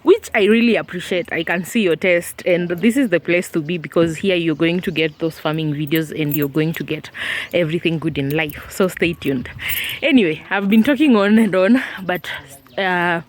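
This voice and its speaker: A woman with a lowish voice vlogs casually from a house building site, talking at normal speed with hardly any pauses. She rambles chattily with fillers and laughs, speaking around a candy in her mouth.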